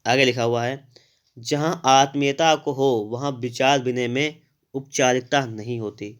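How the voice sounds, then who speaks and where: A man of middle pitch teaches an exam-prep spelling lesson. He talks straight to his students and checks in often. He spells out each answer step by step and says the key words again slowly. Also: steady tone, clean tone. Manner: addresses students directly, with frequent "thik hai" checks. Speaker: Hindi grammar teacher.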